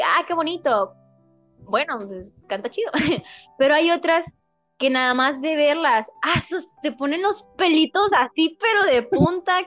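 Young woman, Mexican accent, podcast guest, chatty and expressive, slightly high voice, dull lo-fi sound, faint music behind. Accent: Mexican Spanish. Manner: animated and expressive, acts out quotes. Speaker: podcast guest, singer and dubber. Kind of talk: casual chat.

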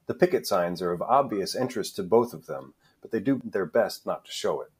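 A man narrating a play, reading the stage directions in a steady, measured way. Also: sits low, breathy edge. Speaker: guest narrator.

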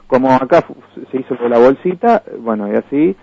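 Argentine male radio guest, earnest and halting, mid-pitched voice, dry dull lo-fi sound. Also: lively intonation, creaky, warm tone, husky, no room sound. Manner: hesitant, many restarts and fillers, earnest. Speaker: guest from an environmental campaign. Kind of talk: radio interview.

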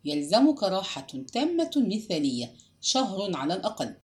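A woman's voice: mid-range voice, very animated, fairly quick, mellow, lightly acted. A woman voicing a stern older male doctor in an audiobook, speaking firmly and with command. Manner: firm, commanding.

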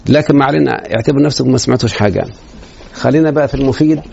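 A man's voice: medium pitch, very fast, gravelly, warm tone, slight background noise. A man with an Egyptian Arabic accent teaching a grammar lesson in a classroom, quizzing students with rhetorical questions. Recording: dull lo-fi recording.

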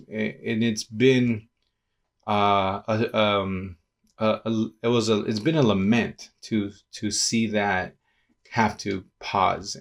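A man from Peru, a pastor and community organizer, talking casually in an interview, thoughtful and halting with many restarts. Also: on the low side, vocal fry.

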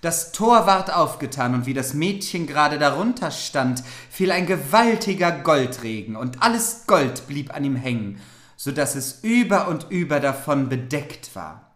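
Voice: medium pitch, very animated, unhurried, fairly bright tone. A podcast co-host reading an old fairy tale aloud, stumbling now and then over old words. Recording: roomy echo.

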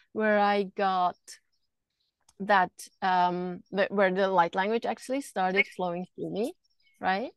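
A middle-aged woman from Switzerland speaks as a podcast guest in an earnest, flowing way, circling back and repeating words as her thoughts form. Her voice sits at an ordinary middle pitch. The recording is dry and close, with no room sound. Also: clean tone, dry recording. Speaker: podcast guest, energy healer. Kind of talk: casual interview talk. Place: camper van.

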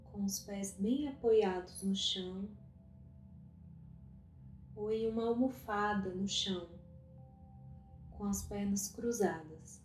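A meditation guide with a warm, mellow, mid-range voice leads a guided meditation very slowly, speaking softly and calmly with long pauses between phrases. The recording carries a roomy echo, with faint soft music underneath.

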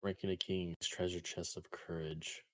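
Deep-voiced man, laid-back podcast chat. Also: flat delivery, moderate pace, a bit bright. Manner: laid-back, sleepy, yawning. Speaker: podcast co-host. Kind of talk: casual chat.

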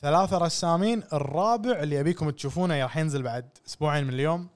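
A man hosting a casual podcast chat, playful and quick, slipping into English now and then. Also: fairly high pitch. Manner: playful, quick, slips into English and mimics accents. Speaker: podcast host.

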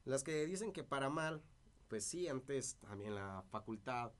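Past disputes are the topic for this party politician, a guest in a casual interview conversation. His voice is dry and medium-pitched, with lively intonation and a measured pace.

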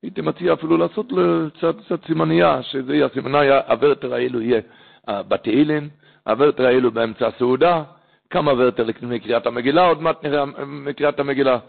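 A man, a rabbi, giving a holiday sermon full of stories, impassioned and climbing sharply in pitch for emphasis, often repeating phrases as he teaches. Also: gravelly. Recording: tinny phone-like lo-fi recording.

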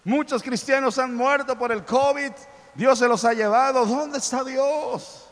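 High-voiced impassioned preacher man. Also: fairly even intonation, normal speed, long reverb tail. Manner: impassioned, building to loud exclamations. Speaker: pastor. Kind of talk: sermon.

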